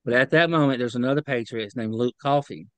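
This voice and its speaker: Over video, an interview guest testifies in a medium-pitched, slightly bright, clear and resonant voice. He is earnest and halting, repeating words whenever upset, and while there's no room sound, the recording is rough.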